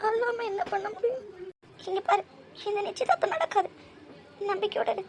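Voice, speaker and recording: A woman voicing a distressed young woman in a cartoon, who speaks in a tearful, pleading way. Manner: pleading, tearful, pitched up high. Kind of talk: Tamil cartoon voice acting.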